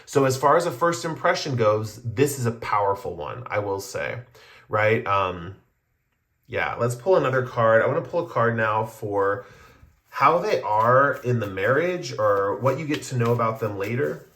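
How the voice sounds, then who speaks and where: A man's voice: medium pitch, lively intonation, moderate pace, a bit bright. A man doing a casual pick-a-card tarot reading, explaining his cards to viewers in a meandering, conversational way. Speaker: tarot reader.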